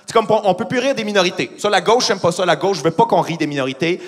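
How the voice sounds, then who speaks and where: A man's voice: high-pitched, fast. A man with a Québécois accent doing a profane stand-up comedy routine on a theatre stage, teasing the audience. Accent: Québécois French. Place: large theatre stage before a live audience.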